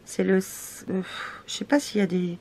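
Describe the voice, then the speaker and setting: A French scrapbooking vlogger talks casually while showing craft papers in an unboxing, hesitant and full of fillers. Her mid-range voice is expressive and a little mellow, with vocal fry, at a normal speed.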